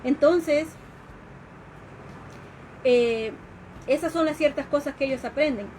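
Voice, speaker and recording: A woman educator with a high voice lectures at an unhurried pace during a live stream. She explains patiently, pausing on fillers and restarting her sentences. A faint hiss of background noise runs under her voice. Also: a little mellow, low-quality recording. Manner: explanatory, with fillers and restarts, acts out quoted questions. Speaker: educator giving a talk.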